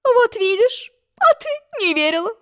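A fussy, tearful old storybook queen, played by a woman reader, with a very high, shrill voice that swings wildly up and down. She wails and shrieks, then drops into coaxing lament. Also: sing-song, moderate pace. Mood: calm.

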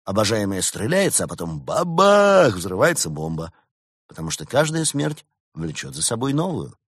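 A man's voice: on the low side, big pitch swings, normal speed, slightly rough, dry recording, studio quality, pitched above the performer's own voice, heavily acted. A man voicing a sarcastic, wisecracking male cat with an ironic, mocking manner.

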